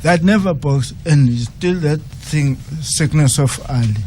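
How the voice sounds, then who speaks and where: Slow, halting man. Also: on the high side, dark tone. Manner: halting, slow, repeats phrases. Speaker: boxing coach. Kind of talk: radio interview guest. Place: radio studio.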